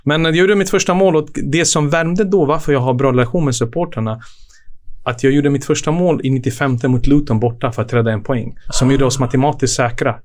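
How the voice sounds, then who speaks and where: A man swaps football stories on a podcast, his voice sitting at an ordinary middle pitch. He acts out the coaches and teammates in quick bursts and breaks into laughter often. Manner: animated storyteller, acts out dialogue, laughs often. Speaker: podcast guest, former footballer. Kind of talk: casual anecdote-telling.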